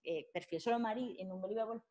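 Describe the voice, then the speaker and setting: A woman lectures slides at a mid pitch. She talks informally, stopping and restarting often. The sound comes a lecture room. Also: fast, dark tone. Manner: informal, many fillers and restarts. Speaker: lecturer at a summer course. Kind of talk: academic talk with slides.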